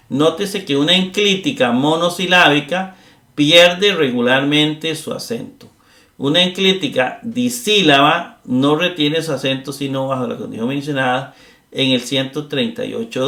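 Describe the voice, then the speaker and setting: A man's voice: on the high side, bright, forceful tone, roomy sound. A man teaching a grammar lesson, explaining step by step and often checking in with his listeners. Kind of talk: classroom lecture.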